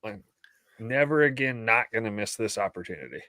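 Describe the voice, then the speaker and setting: A man co-hosting a fishing show, chatting in a relaxed, agreeable way. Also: fairly low pitch, brisk, no echo, clean studio sound. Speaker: podcast co-host. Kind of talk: casual chat.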